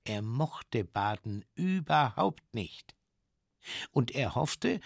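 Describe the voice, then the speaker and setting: A man reading a children's story aloud, with very expressive, dramatic delivery. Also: gravelly, slightly rough, no room sound, studio quality. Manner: very expressive, dramatic swings in pitch.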